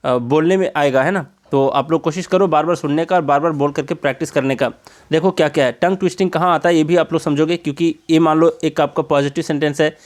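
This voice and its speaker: A young man with an Indian accent teaching English grammar in a casual Hindi-medium lesson, chatting directly with learners and reading English example sentences slowly and deliberately. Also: a little high, a little mellow.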